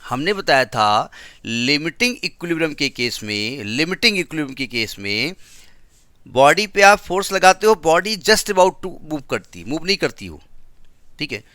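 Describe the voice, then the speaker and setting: Bright-voiced male physics teacher lecturing. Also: a little high, very animated, moderate pace, no echo, clean studio sound. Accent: Indian English. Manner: explains step by step, asks the class questions.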